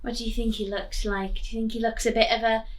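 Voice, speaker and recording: A teacher reads a picture book to children, deliberate and expressive, posing questions to her young listeners. Her voice is fairly high-pitched.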